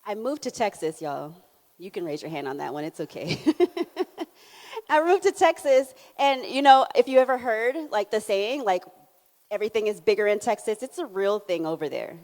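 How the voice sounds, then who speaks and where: A young adult woman from Canada with a Jamaican accent, giving a conference keynote and drawing in the audience with questions. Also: mid-range voice. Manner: animated, engaging the audience with questions and laughs. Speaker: keynote speaker. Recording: hall reverb.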